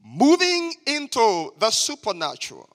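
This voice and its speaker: A man preaches a slow, deliberate sermon in a high, bright voice. He stresses his points and calls on the congregation to repeat his words. His voice rings with a long church reverb. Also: huge pitch swings. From Liberia. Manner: emphatic, has the congregation repeat after him. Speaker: guest preacher. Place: church sanctuary.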